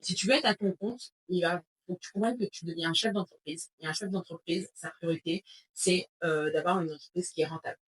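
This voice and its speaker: A woman talking as a podcast guest, speaking fast, informal and heated, often ranting with slang. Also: fairly low pitch, slight background noise, low-quality recording. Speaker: podcast guest, business coach. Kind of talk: casual podcast conversation.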